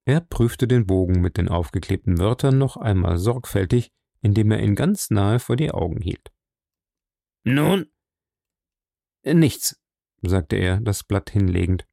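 A man narrating an audiobook in a steady, low-key manner. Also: moderate pace, gravelly, dry recording, clean studio sound. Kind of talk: scripted narration.

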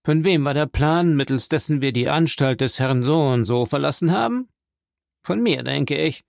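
A man's voice: a little high, animated, moderate pace, vocal fry, no room sound, clean studio sound, voice pushed up. A man voicing a greedy, scheming male ex-convict who needles and wheedles, in a storybook reading.

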